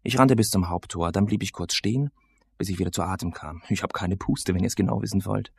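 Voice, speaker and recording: A man's voice: low voice, a little fast, creaky, husky, no room sound. A man reading a novel aloud as its casual, sardonic first-person teenage narrator. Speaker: audiobook narrator.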